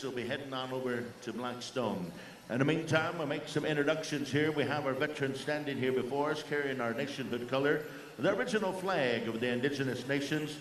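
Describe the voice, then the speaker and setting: A man working as a powwow emcee, making ceremonial introductions in a measured way with drawn-out names. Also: medium pitch, fairly bright tone. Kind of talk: ceremonial event announcing. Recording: echoey sound system, faint background noise.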